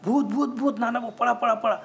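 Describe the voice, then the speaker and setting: A man's voice: sits high, moderate pace, a little mellow, a little hiss or hum, natural voice. A man voicing a frightened young male farmhand who urgently pleads with his companion to run. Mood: panicked, urging.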